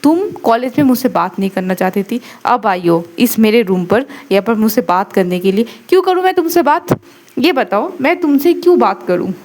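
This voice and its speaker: A woman's voice: fairly high pitch, expressive, moderate pace, darkish tone, lightly acted. A woman voicing a stern, sarcastic female professor who is feverish and irritable, scolding with pointed questions.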